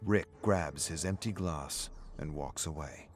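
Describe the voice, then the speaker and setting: A man reading a story aloud on a live stream in a steady, subdued narrating voice. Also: very deep voice, unhurried, soft background music.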